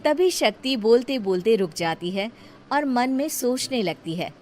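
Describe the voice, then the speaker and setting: A woman's voice: fairly high pitch, expressive, a little slow, darkish tone. A woman reading scripted story narration as the storyteller. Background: music.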